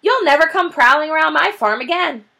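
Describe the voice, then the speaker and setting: A woman voicing a fat, excitable male farmer villain in a storybook, shouting and gloating. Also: high-pitched, fairly quick, creaky, voice pushed up, heavily acted.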